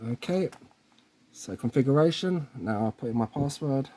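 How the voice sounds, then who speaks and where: A man of medium pitch and warm tone, animated yet speaking at normal speed, presents a casual, hands-on installation tutorial for tech, informally checking in with the viewer as he goes.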